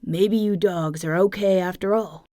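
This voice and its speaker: A woman's voice: medium pitch, steady tone, measured pace, dark tone, no echo, lightly acted. A woman voicing a sour, reserved cat father who speaks in a dry, grudging way.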